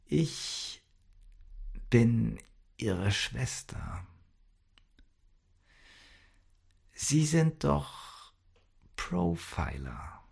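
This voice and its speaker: A male audiobook reader voicing a hesitant, grieving middle-aged woman who speaks in unsure, halting pleas. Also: mid-range voice, lively intonation, creaky, pitched above the performer's own voice, heavily acted. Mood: pleading. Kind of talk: audiobook dialogue.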